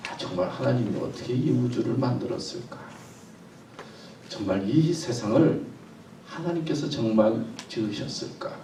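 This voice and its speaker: A man preaching a Sunday sermon as pastor, telling the story with lively, acted-out quotes. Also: medium pitch, normal speed, slight background noise. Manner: animated storytelling, acting out God's delighted voice. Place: church sanctuary. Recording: echoey church from a distance.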